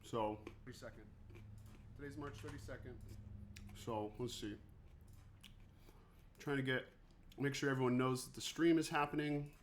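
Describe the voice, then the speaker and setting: A man's voice: mid-range voice, steady tone, moderate pace, pauses often, slight background noise. A man who teaches music, chatting casually on a livestream and joking with his students. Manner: chatty, joking, talks to viewers by name. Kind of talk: casual livestream office hours.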